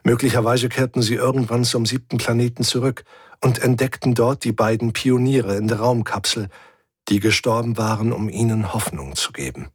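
A man narrating a first-person science-fiction audiobook in a calm, measured, reflective way. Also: mid-range voice, breathy edge, dry recording, studio quality.

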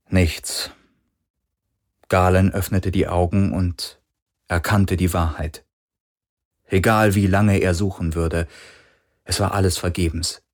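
A male audiobook narrator reads slowly and deliberately. His voice sits low and deep, with a husky edge. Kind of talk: scripted narration.

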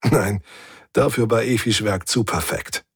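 A man narrating a first-person science-fiction audiobook in a calm, measured, reflective way. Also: on the low side, breathy edge, no room sound, studio quality.

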